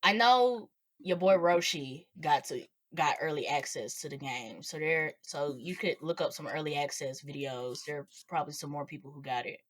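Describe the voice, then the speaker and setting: A woman co-hosting a podcast, chatting casually about upcoming games and trailing off softly at the ends of thoughts. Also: low-pitched, moderate pace. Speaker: podcast co-host. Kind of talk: casual chat.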